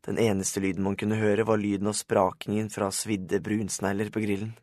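A man's voice: fairly low pitch, level tone, darkish tone, no room sound, clean studio sound. A man reading a first-person children's audiobook in a plain storytelling manner. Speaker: audiobook narrator. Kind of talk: scripted first-person narration.

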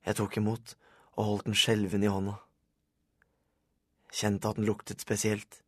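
A man's voice: fairly low pitch, monotone, dry recording, clean studio sound. A man reading a first-person children's audiobook in a plain storytelling manner. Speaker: audiobook narrator. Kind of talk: scripted first-person narration.

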